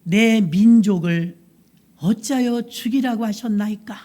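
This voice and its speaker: A woman preacher voicing a wise young queen who pleads slowly and gravely before a king. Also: medium pitch, mellow, lightly acted. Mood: solemn.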